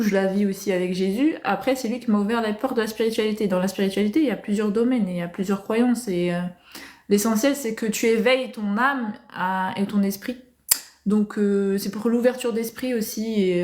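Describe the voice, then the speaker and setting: A woman hosting a casual livestream, answering viewers' comments calmly and hesitating with many fillers. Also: mid-range voice. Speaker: livestream host.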